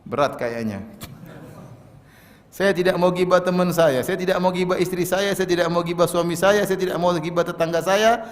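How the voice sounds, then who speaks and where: A man's voice: high voice, level tone, a little fast. A man preaching a sermon with emphasis, repeating key phrases and reciting Arabic quotations. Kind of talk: Ramadan sermon. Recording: long hall reverb.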